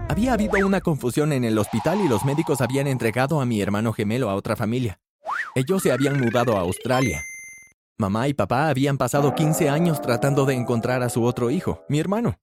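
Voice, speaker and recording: A man tells a scripted story in the first person, delivering it with animation and changing his pitch to voice the different characters. There is noticeable background noise.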